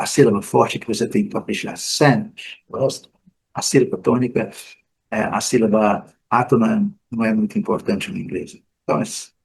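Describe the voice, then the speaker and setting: A man from Brazil giving a casual, unscripted pronunciation lesson, full of fillers and restarts, repeating example words slowly. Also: mid-range voice, creaky, a little mellow, husky, rough recording. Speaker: English teacher.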